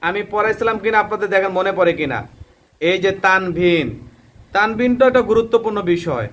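A man's voice: sits high, fairly quick, a bit bright. A man teaching Quran reading. He drills letter sounds over and over and asks and answers his own questions.

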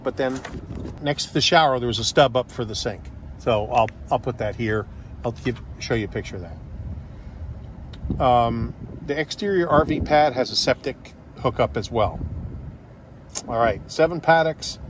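This real estate agent has a mid-range voice, with a little hiss or hum on the recording. He leads an unscripted walkthrough tour, chatting in a folksy, offhand, joking manner.

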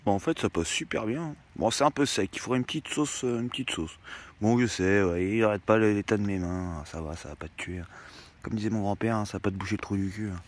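A man's voice: lowish voice, fairly quick, a little hiss or hum. A man vlogging casually outdoors by a campfire, talking in slang and swearing freely as he rambles. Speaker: van-life vlogger. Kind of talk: casual vlog chat.

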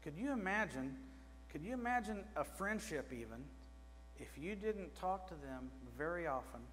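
A man's voice: high-pitched, lively intonation, normal speed, a bit bright. A middle-aged man preaching a sermon in a small church, speaking conversationally and putting questions to the congregation from the pulpit. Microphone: pulpit microphone. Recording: reverberant church with faint mains hum.

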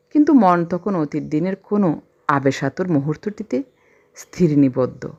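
Brief: a woman narrating a classic tale with feeling; low voice, muffled recording. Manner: expressive, emotional reading. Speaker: storyteller. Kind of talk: reading a classic story aloud.

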